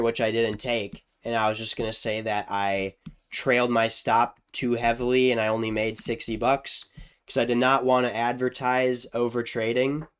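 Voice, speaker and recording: Casual young man with a smooth voice. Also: medium pitch. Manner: casual, self-deprecating, thinks aloud with restarts. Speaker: trading video host. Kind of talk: screen-share chart walkthrough.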